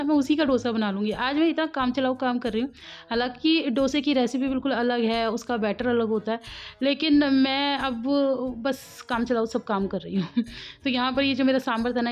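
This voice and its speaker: A woman recording a chatty voice-over for her home cooking vlog. She has a sore throat and a cough, laughs often, and drifts into side stories. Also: a little high. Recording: dull lo-fi voice-over.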